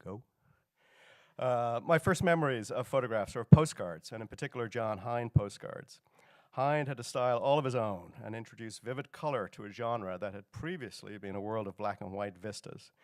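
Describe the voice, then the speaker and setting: A man's voice: fairly low pitch, moderate pace, no room sound. Middle-aged Irish man telling stories onstage. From Dublin, Ireland. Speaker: photographer and director giving a presentation. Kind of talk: informal live storytelling talk to an audience.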